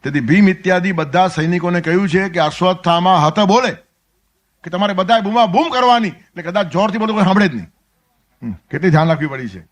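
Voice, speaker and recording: Telling stories in a spiritual Gita discourse, this Gujarati-accented man voices the characters' dialogue and abruptly drops into soft asides. His voice sits high and he talks fast.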